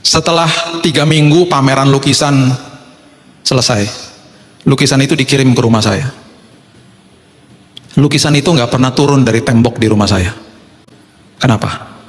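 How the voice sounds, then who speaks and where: Brief: male pastor, average pitch, humorous storytelling sermon, reverberant church hall. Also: normal speed, pauses often. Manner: humorous storytelling with acted dialogue.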